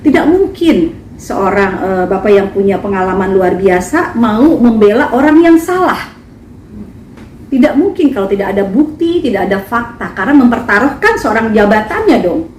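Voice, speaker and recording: A woman's voice: medium pitch, expressive, normal speed, darkish tone, recorded from a distance. A woman singer making an emphatic, indignant statement at a press conference. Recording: echoey, from afar, faint noise.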